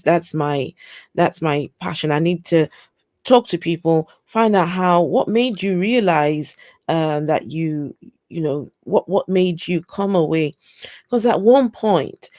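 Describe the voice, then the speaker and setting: A woman from Africa hosting a casual interview chat, talking in a slow, reflective way with many fillers. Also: low voice, a little mellow, dry recording, studio quality. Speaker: host.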